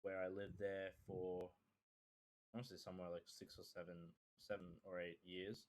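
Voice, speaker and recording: A streamer in his early twenties introduces himself to viewers; he's from Sri Lanka, lived in Kuwait, then moved to Australia. His low, level, darkish voice moves at normal speed as he chats casually, hesitating, rambling and repeating phrases. The audio is poor, with slight background noise.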